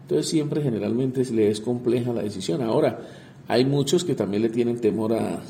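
Congressman, male, deep dark tone, halting interview answers, faint hiss. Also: gravelly. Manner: halting, repeats words while searching.

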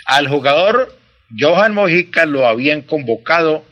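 A man's voice: fairly high pitch, animated, normal speed, fairly bright tone. A man, explaining pronunciation and grammar in a precise, teacherly way on a radio language segment. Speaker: language expert answering listener questions.

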